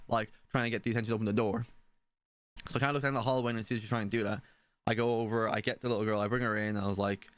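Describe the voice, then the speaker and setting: A man's voice: mid-range voice, clean tone, no room sound. A young man telling a personal story in a casual, rambling way, often swearing and asking "you know what I mean". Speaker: stream participant.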